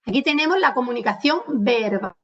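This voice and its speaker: A woman's voice: on the high side, animated. A woman with an Andalusian Spanish accent giving an online lecture on communication, explaining and addressing her audience directly. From Andalusia, Spain. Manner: explanatory, addresses audience directly, slows to stress key words. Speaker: webinar presenter on communication skills. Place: home. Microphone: computer mic on a video call. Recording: distant, dull webinar audio.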